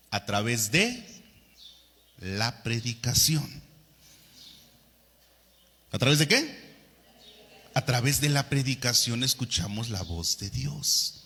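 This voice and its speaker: Male pastor, lively sermon delivery, bright slightly high voice, slow and deliberate pace, long hall echo. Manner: animated preaching, swinging between soft and loud.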